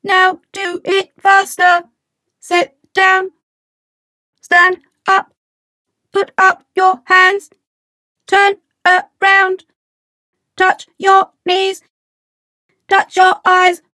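A woman voicing a friendly robot that gives simple classroom commands in a slow, even, sing-song children's lesson chant. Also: very high-pitched, no echo, soft background music, heavily acted. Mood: cheerful, bossy.

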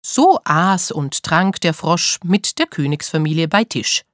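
A woman narrates a fairy tale in a clear, expressive reading voice. Her voice sits somewhat low. The recording is close and dry, with no room sound. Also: measured pace, no echo. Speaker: storyteller. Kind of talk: storybook reading.

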